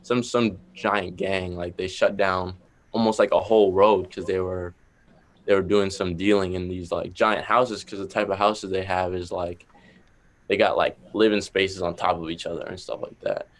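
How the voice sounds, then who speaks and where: A young man with a Boston accent speaks in a deep, even, almost monotone voice. He is a rapper guest on a podcast and rambles through his answers, leaning on fillers. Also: moderate pace. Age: young adult. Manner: laid-back, rambling with many fillers. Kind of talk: casual interview chat.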